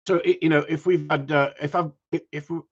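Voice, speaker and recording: A man's voice: on the high side, steady tone, a little fast, breathy edge. A man who chats to viewers in a rambling, casual way and swears freely. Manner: swears a lot, jumps between topics, loud outbursts. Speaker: gundog breeder livestreaming. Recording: dull lo-fi home stream.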